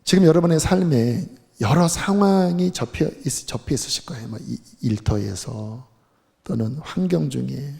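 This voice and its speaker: Male pastor, earnest sermon delivery; gravelly voice, long church-hall reverb. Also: mid-range voice, expressive, normal speed, darkish tone. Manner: earnest preaching, rising in intensity. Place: church sanctuary.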